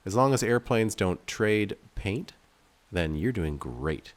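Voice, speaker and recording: His voice is on the low side, animated, and slow-paced. A game developer hosting a video of his own game, he chats casually through the gameplay, rambling, thinking out loud and gently ribbing himself.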